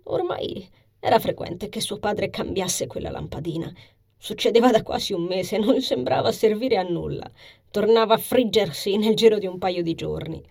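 A woman narrating a novel as a steady scripted reading, soft and hushed, sometimes sinking to a whisper. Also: lowish voice, slightly rough. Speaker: audiobook narrator.

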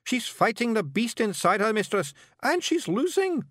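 A man voicing a tiny, brash fairy warrior leader with a Scottish accent, excitable, loud and blunt, in an audiobook. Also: sits high, a little slow, no echo, studio quality, voice pushed up, heavily acted. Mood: urgent, desperate. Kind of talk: audiobook character voice.

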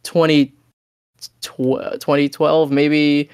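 A man's voice: fairly high pitch, little pitch movement, drawn-out words, smooth, no room sound, clean studio sound. A young man chatting casually on a podcast, telling stories in a laid-back way with blunt asides. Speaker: podcast co-host. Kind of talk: casual chat.

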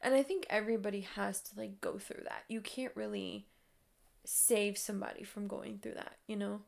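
A young woman vlogger telling a story in casual chat, animated, with lots of fillers and swearing. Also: medium pitch, normal speed, vocal fry.

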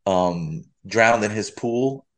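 A man's voice: lowish voice, expressive, slow. A man in his forties, a podcast guest telling rambling stories in casual chat, full of fillers. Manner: rambling storytelling with many fillers.

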